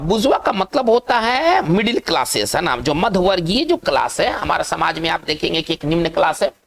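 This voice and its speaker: A man teaching English vocabulary in a classroom-style lecture, repeating words slowly and tagging sentences with questions. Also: high-pitched, creaky, a bit bright.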